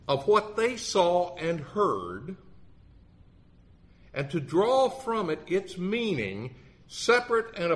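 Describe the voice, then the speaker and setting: A man in his sixties, a lay preacher with a legal background, delivers a sermon in a wry, earnest storytelling manner. His voice is fairly high in pitch and a bit bright.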